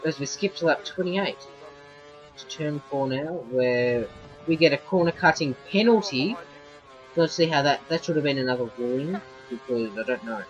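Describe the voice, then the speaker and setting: A man giving casual, rambling commentary on his own racing game from his bedroom, excitable and quick to flare into loud frustration. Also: on the high side. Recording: muffled lo-fi with faint game music.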